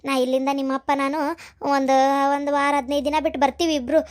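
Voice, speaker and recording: A woman's voice: high-pitched, little pitch movement, fast, close to an everyday voice. A woman voicing a dutiful young cartoon daughter-in-law who speaks politely, with a North Karnataka Kannada accent.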